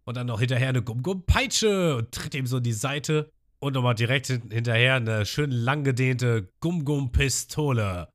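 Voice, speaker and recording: A man hosting a podcast, casually recapping an episode in animated fashion and acting out characters. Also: medium pitch, moderate pace. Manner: animated retelling, acting out characters, laughs a lot. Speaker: podcast host.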